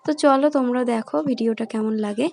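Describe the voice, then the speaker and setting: A woman's voice: fairly high pitch, steady tone, fast talker, creaky, darkish tone, a little hiss or hum. A woman chatting casually to her viewers in a home vlog, explaining her cooking plans. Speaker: vlogger. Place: home kitchen.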